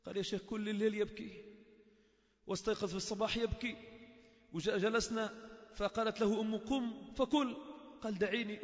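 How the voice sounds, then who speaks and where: Male preacher with a high voice, emotional storyteller, recorded in a long-echo mosque hall. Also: a bit bright. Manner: emotive storytelling that voices each character's speech. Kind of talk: sermon with storytelling. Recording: muffled, echoey mosque recording.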